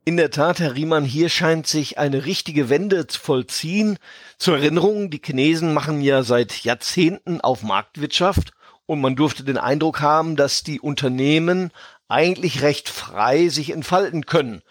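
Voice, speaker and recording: A man speaking as an expert podcast guest, explaining in a measured, conversational way with genteel phrasing. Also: fairly high pitch, no room sound, clean studio sound. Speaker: podcast guest, fund manager.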